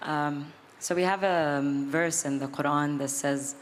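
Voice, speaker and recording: A woman's voice: low voice, fairly even intonation, measured pace, a loud crowd. A young woman from Egypt and Palestine sharing a personal story as a panelist, reflective and hesitant with many ums. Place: large hall at an event. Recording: reverberant hall, faint noise.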